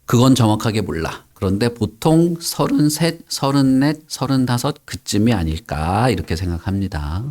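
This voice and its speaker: A man who is a pastor gives a children's sermon and tells the story in a lively way, putting questions to the children. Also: mid-range voice, moderate pace, few pauses.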